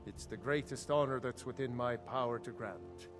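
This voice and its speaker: A man's voice: mid-range voice, music in the background, close to an everyday voice. A man voicing a stately jarl, grave and formal. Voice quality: measured, formal. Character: stately middle-aged male jarl, grave and proud. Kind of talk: video game dialogue.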